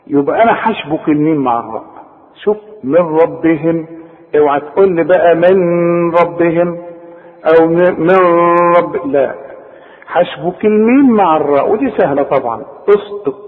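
A man with an Egyptian Arabic accent teaching Quran recitation rules, drawing out the recited words slowly and often checking that the listener follows. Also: fairly high pitch. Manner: explains slowly, then drawls recited words, asks the listener for confirmation. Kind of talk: tajweed lesson. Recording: tinny phone-like sound with long reverb.

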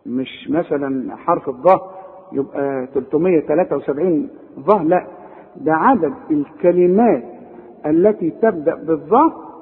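A man with an Egyptian Arabic accent teaching Quran pronunciation, drilling word lists with emphasis and prodding his listeners with quick questions. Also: on the high side, husky. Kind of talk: spoken lesson. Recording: tinny phone-like sound with long hall reverb.

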